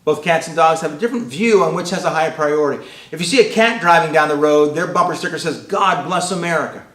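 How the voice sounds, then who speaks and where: A middle-aged man giving a sermon-style keynote, swinging between loud and hushed delivery. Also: fairly high pitch, fast, reverberant. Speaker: keynote speaker.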